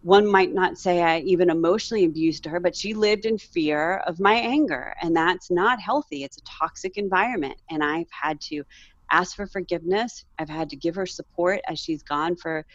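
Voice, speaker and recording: A woman's voice: fairly low pitch, normal speed, no echo. A woman in her forties, a mother and guest, telling her faith story earnestly and with emotion. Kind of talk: candid faith interview. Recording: slightly dull, dry sound.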